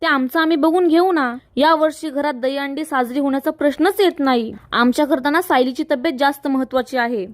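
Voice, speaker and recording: A woman's voice: high voice, fairly quick, few pauses, no echo, studio quality, natural voice. A woman voicing a caring middle-aged mother who speaks firmly and soothingly.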